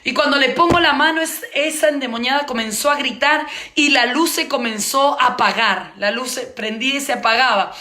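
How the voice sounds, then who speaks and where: A woman's voice: sits high, fairly quick, hardly any pauses, background noise. A woman preacher telling a testimony as part of a sermon, in vivid storytelling that repeats phrases for emphasis. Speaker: preacher teaching on intercession. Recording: echoey room.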